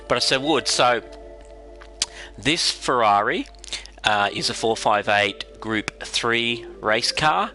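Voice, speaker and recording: An Australian man with a raspy, congested head-cold voice, giving unhurried, casual explanations as he hosts a game livestream. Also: lowish voice, pushed and bright.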